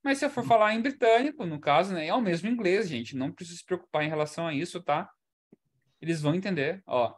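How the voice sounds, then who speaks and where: A man's voice: high voice, expressive, fast talker. A man teaching English in an online class, explaining in a chatty way and checking in often with the students. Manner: chatty, explanatory, ends points with "tá?".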